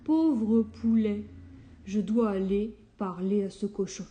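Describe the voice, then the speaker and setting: A big, kindhearted storybook wolf speaks slowly and mournfully, as a woman puts him on. His tone is mellow and gentle. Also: mid-range voice, fairly even intonation, close to an everyday voice. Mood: kind, sad. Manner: slow, sorrowful and gentle.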